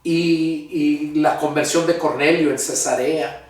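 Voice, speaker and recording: An older man with a Mexican Spanish accent recounts his calling as a pastor, speaking with earnest conviction. His voice sits a little high and comes from some distance from the microphone. It rings heavily around a strongly reverberant room. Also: steady tone, slow pace. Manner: earnest, heartfelt storytelling. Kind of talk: personal testimony sermon. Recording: very echoey room, voice far from mic.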